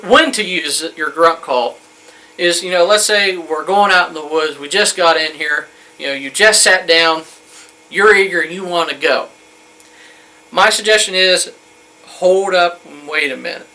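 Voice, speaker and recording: His voice is a little high, a little slow, pushed and bright, captured in a low-quality recording. The man, in his thirties, is a hunting instructor delivering an informal, folksy, rambling how-to talk in a wood-panelled room.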